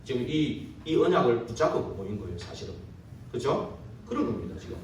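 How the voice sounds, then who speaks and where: In a mid-range, sing-song and slightly mellow voice, a bit fast, a man preaches to his congregation in a church sanctuary mid-service. He asks rhetorical questions and tag questions to draw their agreement. The far-off recording is very echoey, with a little hiss or hum.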